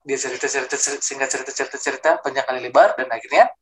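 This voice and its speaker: A middle-aged man tells his personal testimony. He speaks at a middle pitch and acts out the voices of the people in his story as he goes. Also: little pitch movement, very fast, fairly bright tone, a little hiss or hum. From Jeneponto, South Sulawesi, Indonesia. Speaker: convert giving a testimony.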